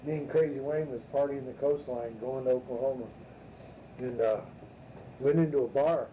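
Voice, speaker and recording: Rauer älterer Mann erzählt derbe Geschichten. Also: male voice, medium pitch, fairly even intonation, moderate pace. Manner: rough, profane, drawling delivery. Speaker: storytelling father. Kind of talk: casual rambling storytelling. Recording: muffled distant tape recording, faint hiss.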